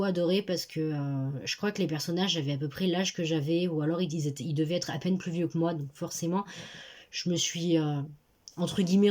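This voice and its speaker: Hesitant, low-voiced teenage girl book vlogger. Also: darkish tone. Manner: rambling, hesitant, self-correcting. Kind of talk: casual book review vlog. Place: bedroom at her parents' home. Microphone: phone.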